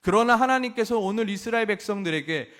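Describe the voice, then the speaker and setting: A man preaching a sermon with impassioned delivery, acting out pleading questions and then dropping his voice low. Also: fast, a bit bright, long reverb tail. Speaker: pastor.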